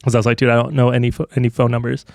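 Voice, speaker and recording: A man's voice: mid-range voice, little pitch movement, rapid-fire, vocal fry, no room sound. A man in his thirties, a podcast co-host, telling a story in casual chat, swearing often and laughing as he goes. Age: 30s.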